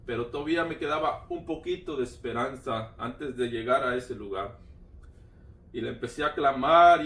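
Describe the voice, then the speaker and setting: A man giving a personal religious testimony, retelling it fervently with lots of repetition. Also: a little high. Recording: roomy sound from a distant mic.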